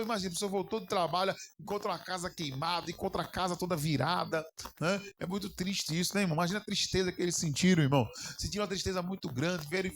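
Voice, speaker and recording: High-voiced pastor questioning his congregation. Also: fairly bright tone, slight background noise. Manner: keeps asking the congregation questions and calling them brother. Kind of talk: sermon on a Bible lesson.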